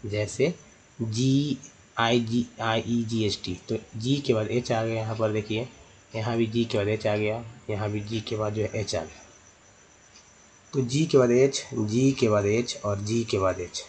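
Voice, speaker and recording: A man's voice: on the low side, fairly even intonation, measured pace, darkish tone, slight background noise. A man teaching English pronunciation, explaining step by step, repeating words and correcting himself as he goes. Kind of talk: explanatory lesson.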